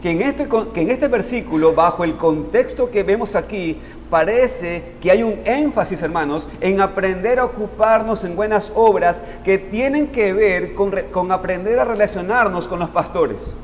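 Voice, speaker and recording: A man's voice: sits high, normal speed, hardly any pauses, slight background noise. Earnest man preaching in a reverberant church. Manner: addresses congregation as brothers, earnest and explanatory. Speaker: pastor. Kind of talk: sermon. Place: church sanctuary.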